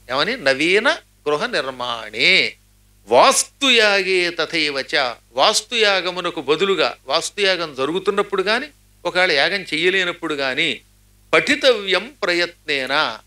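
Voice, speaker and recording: A man's voice: high-pitched, pushed and bright. A middle-aged man giving a spiritual discourse, chanting verses and then explaining them, with humorous asides that mimic how words get pronounced. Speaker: religious speaker.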